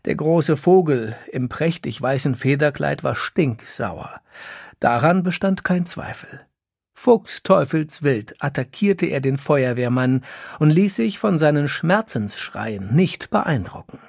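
A storybook narrator reads with lively, scripted delivery and a gravelly, creaky texture. The sound is dry and close, with no room around the voice. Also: medium pitch, takes it slowly, dry recording. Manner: lively storytelling, acts out quotes. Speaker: audiobook narrator.

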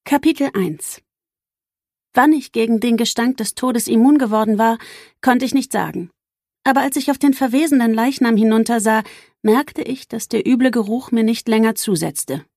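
A woman narrates an audiobook in a measured, even way. Her voice is fairly high, with a gravelly fry at the edges of her phrases. It is recorded dry and close, with no room sound. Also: no echo. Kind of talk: scripted narration.

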